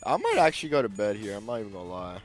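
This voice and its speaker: A man's voice: fairly low pitch, big pitch swings, very fast, faint music behind. A man in casual, slangy livestream banter, laid-back and joking.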